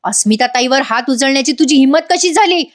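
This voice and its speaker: A woman's voice: high voice, expressive, a little fast. Arjun, a woman voicing a stern protective brother. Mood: threatening. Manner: threatening, commanding.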